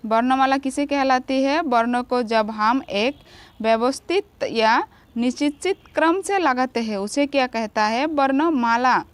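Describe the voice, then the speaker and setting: A woman's voice: sits high, a little slow, no echo. A woman teacher giving a grammar lesson to children, asking questions and answering them herself.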